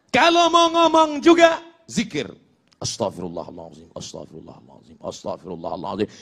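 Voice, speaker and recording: Here a middle-aged Indonesian man gives a funny Islamic sermon, with a high-pitched, slightly bright voice. He tells joking anecdotes, acts out small exchanges, and chants verses in Arabic.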